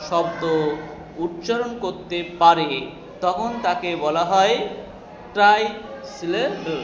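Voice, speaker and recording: Male classroom teacher, Bengali accent, high voice, echoey room with long reverb, asks the class questions and answers them himself. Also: slight background noise. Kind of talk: classroom English grammar lesson.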